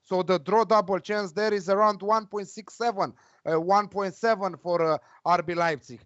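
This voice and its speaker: A man giving casual football betting predictions in a hesitant, halting way, repeating words as he goes. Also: high voice, steady tone, a bit bright, no room sound, lo-fi sound.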